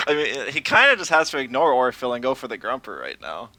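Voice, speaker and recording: A man's voice: mid-range voice, very animated, bright, forceful tone, no room sound, soft background music. A man streaming a competitive game, casually thinking aloud about his moves as he plays. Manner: thinking aloud, chatty, quick asides and laughs. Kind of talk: casual live game commentary.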